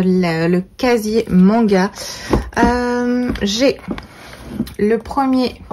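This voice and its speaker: A woman's voice: medium pitch, dark tone, slight background noise. A woman vlogger giving a casual tour of her bookshelf at home, talking in a chatty way with many filler hesitations. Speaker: book vlogger.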